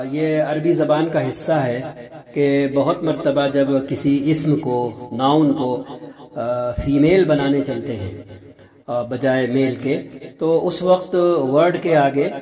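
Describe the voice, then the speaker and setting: A man's voice: mid-range voice, a little mellow. A man teaching a script lesson, explaining patiently and repeating each point with fillers.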